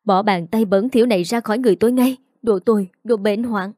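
A woman's voice: medium pitch, fast talker, dark tone, dry recording, studio quality, natural voice. A woman voicing a defiant, bitter young female student who pushes back hard.

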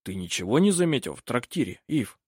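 A man playing a self-assured older French baron in an audiobook, husky and measured. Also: mid-range voice, sing-song, mellow, no room sound, studio quality. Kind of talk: audiobook character reading.

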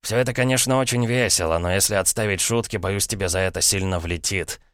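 A male reader plays a jovial brother-in-law in middle age who mocks everything. He speaks slowly and ironically in a low, smooth voice. The recording is close and dry. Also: a bit bright, no echo. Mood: mocking. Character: jovial, mocking middle-aged brother-in-law with a shady past. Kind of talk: audiobook character reading.

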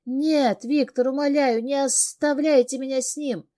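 A woman's voice: fairly high pitch, expressive, takes it slowly, a little mellow, pitched above the performer's own voice. A woman voicing a terrified sobbing young woman. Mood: tearful pleading. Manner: screaming, pleading through tears.

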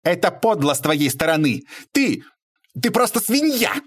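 A man's voice: a little high, lively intonation, normal speed, no room sound, clean studio sound, pitched above the performer's own voice. A man voicing an imposing, theatrical middle-aged woman who shrieks and accuses. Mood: shrieking.

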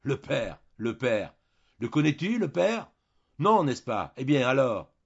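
A man playing a furious young husband, shouting. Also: lowish voice, expressive, fast, husky, muffled recording. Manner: shouting, sharp retorts. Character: angry young husband, impatient and harsh.

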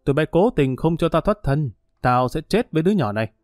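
A man's voice: fairly high pitch, big pitch swings, brisk, darkish tone, no room sound, studio quality, faint music behind. A man doing a sneering thug. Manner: sneering, threatening. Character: ruthless male thug holding a child hostage.

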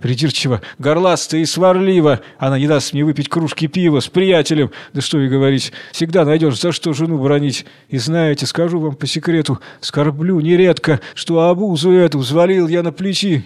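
A man's voice: a little high, moderate pace, hardly any pauses, darkish tone, close to an everyday voice. A man voicing a middle-aged tavern keeper who grumbles about wives and confides in his friends. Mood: grumbling.

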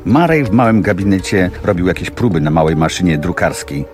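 A man's voice: sits low, expressive, fairly quick. Man narrating a classic novel over music. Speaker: audiobook reader. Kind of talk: scripted literary narration.

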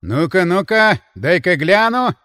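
A man doing a loud rough-mouthed guard. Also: high voice, very animated, a little slow, in a large hall, exaggerated voice. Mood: rough banter. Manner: loud, coarse, grumbling. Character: brash scruffy male guard, loud and rough.

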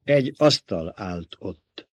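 A man's voice: lively intonation, no echo, lo-fi sound. A man reading a novel aloud as an audiobook, lifting his voice for the characters' lines. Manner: voices characters by raising pitch and volume in dialogue. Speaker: audiobook narrator.

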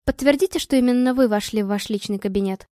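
A woman voicing a smooth phone scammer. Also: fairly high pitch, fast, darkish tone, no room sound, clean studio sound, lightly acted. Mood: insistent. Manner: polite, insistent. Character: smooth-talking young female phone scammer.

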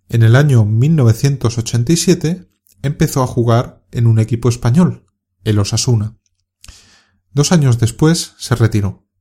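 A man from Spain with a Castilian Spanish accent, giving a scripted podcast lesson for learners in a calm, clear and encouraging way. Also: medium pitch. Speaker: Spanish teacher.

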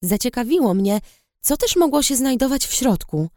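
A woman narrating a fantasy audiobook in first person, steady and measured. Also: high-pitched, no room sound, studio quality.

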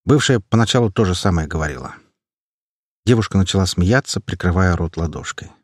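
Male audiobook reader, measured and steady, low husky tone, dead-dry studio sound. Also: dry recording. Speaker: audiobook narrator. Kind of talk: first-person audiobook narration.

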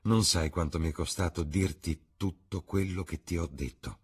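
A man's voice: low voice, normal speed, breathy edge. A man reading the part of an earnest, melancholy painter in an audiobook, in a rueful tone.

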